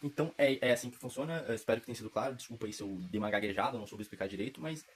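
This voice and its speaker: A man explains a grammar point in a relaxed, chatty way. His voice is slightly husky, and he talks quickly. He keeps checking that the listener is following along. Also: mid-range voice, poor audio. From southern Brazil. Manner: informal, chatty, frequent "tá?" checks. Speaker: teacher. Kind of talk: casual grammar lesson.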